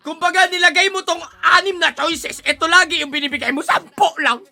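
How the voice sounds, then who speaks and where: A man giving casual gaming commentary, excitable, pleading and shouting at the game as he plays. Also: very high-pitched, a little fast. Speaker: gaming streamer.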